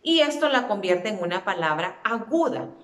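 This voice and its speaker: A woman's voice: medium pitch, very animated, a bit bright. A woman teacher giving a spelling lesson to children, patiently drawing out and repeating words as she explains. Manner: patient, drawn-out repetition of words. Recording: echoey room.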